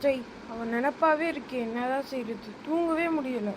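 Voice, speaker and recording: A woman's voice: high voice, normal speed, noisy background, close to an everyday voice. A woman playing a lovestruck young man who schemes aloud about winning a girl. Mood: lovesick. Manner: dreamy, scheming monologue.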